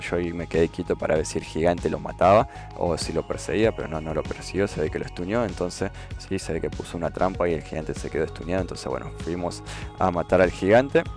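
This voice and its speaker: Low-voiced gamer explaining. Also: male voice, darkish tone. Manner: explanatory, repeats "¿sí?" to check understanding. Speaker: gaming YouTuber. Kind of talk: casual gameplay commentary. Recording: faint game music behind.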